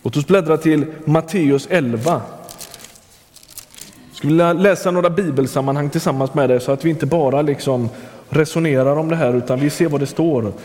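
In a sermon with a long hall reverb, a man talks straight to his listener in a conversational style, frequently starting his sentences over. His voice is somewhat high and slightly mellow.

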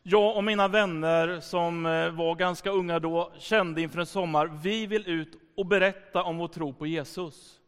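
Middle-aged male pastor, high smooth voice, storytelling sermon in a reverberant hall. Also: steady tone, hardly any pauses, a bit bright.

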